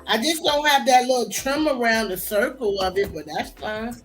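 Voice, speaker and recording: A woman's voice: a little high, moderate pace, faint music behind, low-quality recording. A woman hosting a crafting livestream, chatting casually and talking to her viewers as she works. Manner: relaxed, chatty, talks to viewers. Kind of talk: casual chat while crafting.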